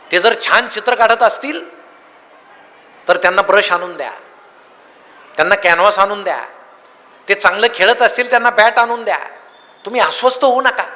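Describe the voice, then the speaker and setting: Bright high-voiced man telling comic stories. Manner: lively storytelling with comic anecdotes. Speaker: motivational speaker. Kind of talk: humorous public speech. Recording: long hall reverb.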